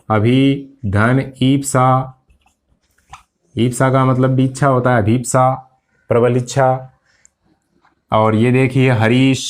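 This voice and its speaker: Male teacher, exam-prep grammar class, addresses students directly, poses questions and answers them himself. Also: mid-range voice. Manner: explains step by step, asks and answers his own questions.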